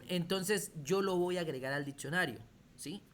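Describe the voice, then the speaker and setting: A man's voice: sits high, moderate pace, fairly bright tone, a little hiss or hum. A man teaching a computer class over a video call, explaining step by step and often checking that students follow. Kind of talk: online class lecture.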